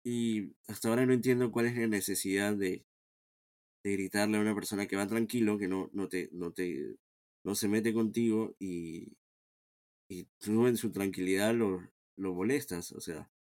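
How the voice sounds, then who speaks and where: Peruvian male interview guest, low pitch, reflective and unhurried, repeats words as he thinks. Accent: Peruvian Spanish. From Peru. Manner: calm, reflective, many restarts and repeated words. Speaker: guest, founder of a sports team. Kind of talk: casual interview conversation.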